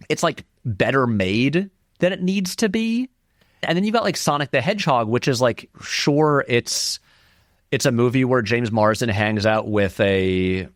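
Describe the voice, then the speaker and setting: Recorded with studio quality and no room sound, a mid-range male voice belongs to a film video essayist who comments conversationally as an interview guest. He is animated, tosses in short acted quotes and relies on fillers like "like" and frequent restarts.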